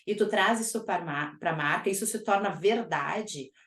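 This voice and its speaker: A woman hosting a podcast, chatting casually with an energetic, emphatic delivery. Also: medium pitch, moderate pace. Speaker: podcast host. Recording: echoey room.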